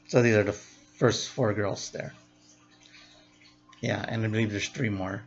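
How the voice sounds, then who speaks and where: Slow-talking man reviewing a show. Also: lowish voice, fairly even intonation, vocal fry, dull audio. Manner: unhurried, thinks aloud with fillers. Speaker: vlogger reviewing episodes. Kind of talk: casual review commentary.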